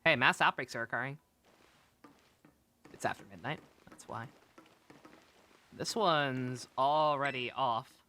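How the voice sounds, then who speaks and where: A man's voice: medium pitch, slow, pauses often, sharp tone. A man giving casual, sweary, joking commentary while streaming a video game.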